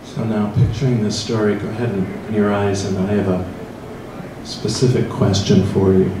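A middle-aged man with a Midwestern American accent speaks from far across a big church hall, and his voice echoes strongly off the walls. He tells the story slowly and reflectively, addressing the listeners directly. Steady room noise sits under his words. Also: on the low side. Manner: slow, reflective second-person storytelling. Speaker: priest leading a church forum. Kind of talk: guided meditation and interactive forum talk. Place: large church hall with tables of people. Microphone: handheld mic, filmed from far across the room.

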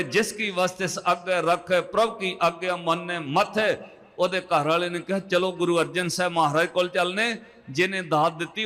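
High, bright-voiced male preacher in a reverberant hall. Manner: addresses congregation, chants scripture lines slowly. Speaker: Sikh preacher. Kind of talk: katha sermon storytelling.

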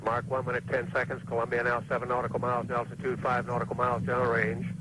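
A man announces in mission control radio style over clear noise from an old broadcast. His mid-pitched voice stays very even, reading out clipped, factual status updates quickly. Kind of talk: live mission control radio launch commentary. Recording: noisy old space launch broadcast.

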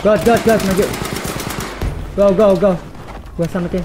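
A man giving casual gameplay commentary, shouting repeated commands and cursing at his teammates. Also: sits high, steady tone, normal speed, noisy background. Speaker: gaming YouTuber. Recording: game gunfire loud behind voice.

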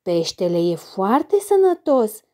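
A woman's voice: mid-range voice, sing-song, mellow, natural voice. A woman doing an insistent storybook mother. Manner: urging, coaxing. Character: insistent mother coaxing her child. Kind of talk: storybook character voice.

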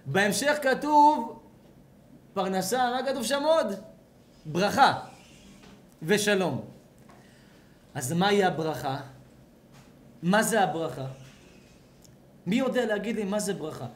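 A man, a rabbi, giving an animated sermon at a home gathering, asking the audience questions and acting out voices. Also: high voice, long pauses. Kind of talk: lively sermon at a house blessing.

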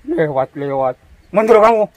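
A man playing a menacing forest villain guarding his territory in an amateur drama, commanding and theatrical, with a husky voice. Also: high voice, lively intonation, moderate pace, a little mellow, no room sound. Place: outdoors in a misty forest.

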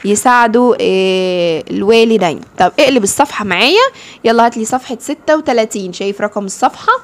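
A woman teacher with an Egyptian Arabic accent explains English phrases to second-grade pupils, saying each phrase slowly and then explaining it in Arabic. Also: fairly high pitch. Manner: slow, drawn-out English model phrases.

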